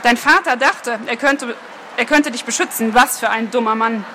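A woman's voice: on the high side, normal speed, pushed and bright, slight background noise. A woman reading aloud, voicing a sinister man with a cold, mocking, menacing manner. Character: sinister adult male villain, icy and mocking. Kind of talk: audiobook reading.

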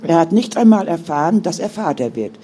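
A man's voice: a little high, big pitch swings, a little fast, dark tone, slight background noise. A man voicing an angry, defiant young woman who is a mother, with indignant, bitter outbursts.

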